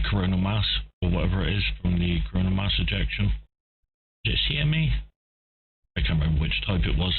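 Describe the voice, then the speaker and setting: A jokey, rambling ham radio operator with a very low voice. He comes through thin, narrow radio audio with a faint hiss. His chat is casual and full of banter. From England.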